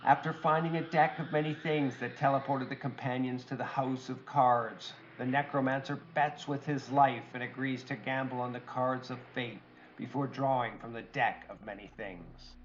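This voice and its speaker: A man narrating a tabletop game recap as game master, in measured, even storytelling. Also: mid-range voice, dull audio, a little hiss or hum.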